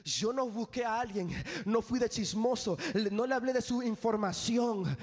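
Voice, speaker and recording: A young man preaching an impassioned sermon, at times lifting into sung, shouted phrases. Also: very high-pitched, moderate pace. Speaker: evangelist preacher. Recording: long church hall reverb.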